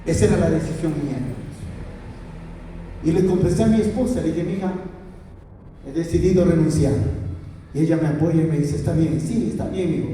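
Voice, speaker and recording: A man's voice: normal speed, pauses often, warm tone, slight background noise. A man from Peru with a Peruvian Spanish accent, a church elder telling his testimony as a sermon, his voice climbing into impassioned pleading as he retells his prayers. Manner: rises to high impassioned pleading when quoting his prayers. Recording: echoey hall from far off.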